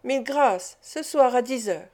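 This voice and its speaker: A ceremonious old Italian prince who coaxes and flatters at the roulette table, read by a woman. The voice sits a little high and stays courteous and insistent throughout the storybook reading. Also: unhurried. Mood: persuasive. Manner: ceremonious, persuasive. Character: old Italian prince, smooth-talking gambler.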